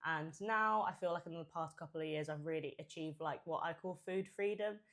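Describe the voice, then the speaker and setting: A woman in her twenties with a fairly deep voice for a woman. She chats informally to her followers as she eats, chewing while she talks. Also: a little fast, a bit bright. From Hampshire, England and Japan. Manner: chewing and eating while talking, mouth sometimes full; chatty, informal. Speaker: food content creator. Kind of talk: casual mukbang chat to followers.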